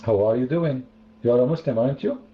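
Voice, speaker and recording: A man's voice: medium pitch, fast. A man hosting an online debate room, talking in a sarcastic, mocking way and repeating phrases for effect. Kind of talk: mocking religious debate talk. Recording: roomy, dull online voice chat.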